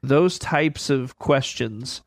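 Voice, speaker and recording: A man's voice: mid-range voice, extremely slow, creaky, dry recording, clean studio sound. Plain-spoken financial advisor man. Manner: plain-spoken, folksy, repeats key points. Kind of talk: conversational expert explanation.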